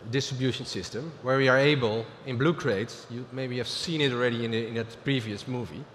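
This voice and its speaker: A middle-aged man with a Dutch accent delivers a business keynote from a large stage, pausing often with fillers and restarting phrases. His voice carries long reverb through a big hall, with a faint murmur of ambience underneath. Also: medium pitch, a bit bright, a little hiss or hum. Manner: halting, with frequent fillers and restarts. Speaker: keynote speaker.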